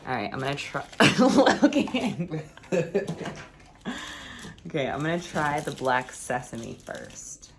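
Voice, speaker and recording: A young woman, a travel vlogger, chats casually at home in a rented flat, laughing often. Her very deep voice is expressive and creaky, at a moderate pace with few pauses. There is slight background noise.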